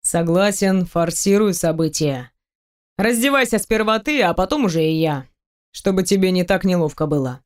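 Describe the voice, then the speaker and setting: A woman voicing a confident, seductive grown man who talks in a low, velvety, coaxing way in an audiobook. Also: lively intonation, moderate pace, lightly acted. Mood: teasing. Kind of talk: audiobook reading.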